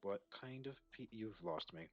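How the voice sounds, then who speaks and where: A man playing his character in a tabletop game, gruff and stubborn. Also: fairly low pitch, expressive, moderate pace, muffled recording. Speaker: player. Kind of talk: in-character tabletop role-play.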